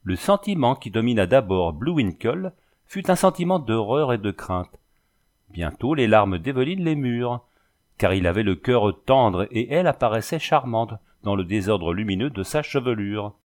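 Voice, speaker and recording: A man narrating a literary novel as an audiobook in a measured, expressive reading. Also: on the low side.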